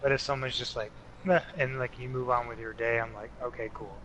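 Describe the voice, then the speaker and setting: Man, late twenties, bright tense voice, rambling, casual chat, faint noise. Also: mid-range voice, fairly even intonation, fairly quick, low-quality recording. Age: 20s. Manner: rambling, fills with "like". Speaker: podcast co-host.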